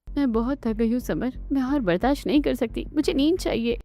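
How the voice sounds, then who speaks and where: A woman's voice: sits high, a little fast, warm tone. A woman voicing a tired, fed-up young daughter-in-law in a cartoon story. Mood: weary.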